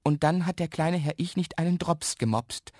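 A man's voice: high-pitched, moderate pace, a little mellow, dry recording, studio quality, voice pushed up. A man voicing a young boy in a children's radio story, protesting and stammering. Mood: earnest. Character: young boy, sheepish but spirited.

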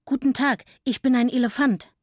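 Bright small storybook elephant, earnest and shy, woman reader voicing him, dry close sound. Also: high-pitched, fairly even intonation, moderate pace, dry recording, pitched above the performer's own voice. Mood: hopeful. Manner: earnest, a bit anxious. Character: timid, hopeful little boy elephant. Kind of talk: storybook reading.

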